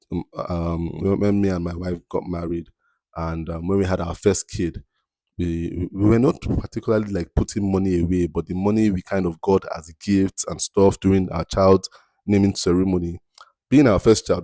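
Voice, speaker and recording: A man hosts a podcast with a motivational monologue, leaning on repeated phrases and drawn-out emphasis. His voice is very low and mellow. The sound is dry and close, with no room around it. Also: no echo. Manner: repeats key phrases, asks "you understand?"; slows down to stress points. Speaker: podcast host.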